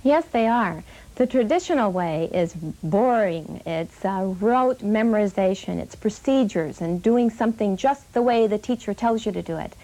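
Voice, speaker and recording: A woman's voice: mid-range voice, lively intonation, moderate pace, warm tone, poor audio. A woman speaking as an educator in an interview testimonial, explaining in emphatic lists. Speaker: math education professor being interviewed.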